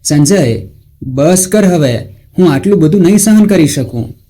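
A man's voice: fairly high pitch, animated, measured pace, warm tone. A man voicing a frightened young wife who pleads in a timid voice, in a storybook narration. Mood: pleading. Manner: pleading, fearful.

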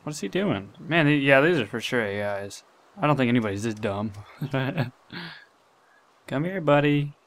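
A young man commenting live on his gameplay, talking to himself and getting excited. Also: mid-range voice, a little fast, slight background noise. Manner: excitable, talks to himself, swears and laughs.

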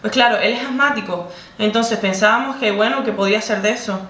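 A woman's voice: mid-range voice, fairly quick, a bit bright, distant mic. A young woman with a Canarian Spanish accent retelling a personal story to camera in an emotional, repetitive, conversational way. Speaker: vlogger. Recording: roomy, set back from the mic.

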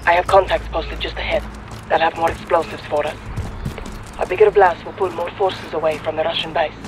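A woman's voice: low voice, steady tone, a little fast, lightly acted. Actress as steely rebel woman. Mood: focused, guarded. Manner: terse, hushed commands. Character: steely, guarded female rebel commander leading a covert mission. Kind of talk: video game dramatic acting. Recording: noisy street ambience behind game dialogue.

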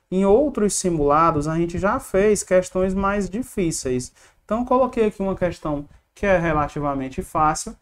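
A Brazilian teacher explaining exam questions step by step, asking questions and answering them. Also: mid-range voice. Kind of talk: online lesson solving exam questions.

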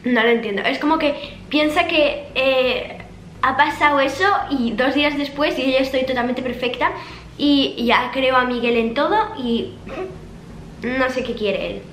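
High-voiced young woman vlogging. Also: measured pace, a bit bright, slight background noise. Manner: chatty, dramatic, reads messages aloud with punctuation. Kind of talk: casual storytelling, reading text messages aloud. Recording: echoey room with faint background music.

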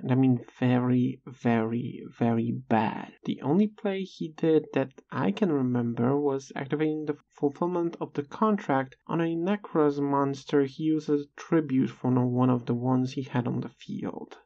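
A video creator with a medium-pitched, dark-toned voice reads a scripted personal story. The delivery is measured and a bit halting, laced with dry sarcasm, and the lo-fi recording sounds dull.

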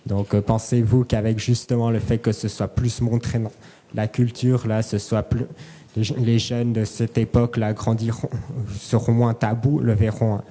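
A man's voice: on the low side, level tone, normal speed, warm tone. A man in an audience putting a spontaneous question at a conference, hesitant and rephrasing as he goes. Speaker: audience member asking a question.

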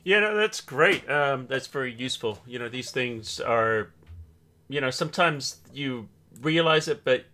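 A man's voice: mid-range voice, lively intonation, a little slow, bright, forceful tone. A man from Scotland and New Zealand hosting a livestream, chatting casually and joking with his guest. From born in Scotland, raised in New Zealand. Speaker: show host.

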